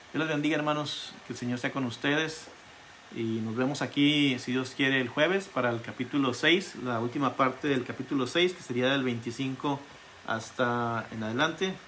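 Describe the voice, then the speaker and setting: Animated male pastor telling a story. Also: medium pitch, normal speed, slight background noise. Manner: animated storytelling with emphatic repetition. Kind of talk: online Bible study sermon.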